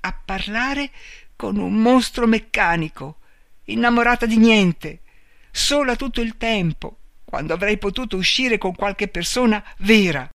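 A man's voice: high voice, animated, measured pace, fairly bright tone, no echo, studio quality, voice pushed up, heavily acted. A man reading aloud and voicing a lonely, distraught young woman who cries out in anguish.

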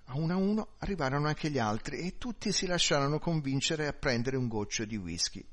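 Brief: male audiobook narrator; calm, measured storytelling. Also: fairly high pitch. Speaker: audiobook reader.

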